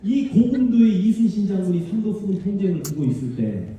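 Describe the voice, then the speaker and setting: A man from the Honam region of Korea giving a public history lecture, animated and emphatic, talking directly to the audience in a large civic auditorium. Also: high voice, fairly quick, a little hiss or hum. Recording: distant, very echoey hall sound.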